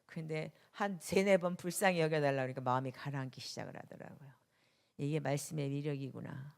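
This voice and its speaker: A middle-aged woman pastor preaching a sermon, who swings between loud emphatic bursts and soft hushed asides and acts out the lines of people in her stories. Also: low voice, a little fast, creaky, clean tone. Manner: acts out quoted dialogue in anecdotes.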